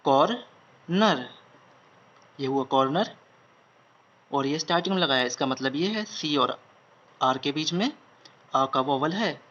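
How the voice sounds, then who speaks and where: A man's voice: fairly high pitch, moderate pace, pauses often, pushed and bright. A man teaching a shorthand lesson, repeating each word several times as he writes it out. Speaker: shorthand instructor. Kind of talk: online lesson. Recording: dull lo-fi recording.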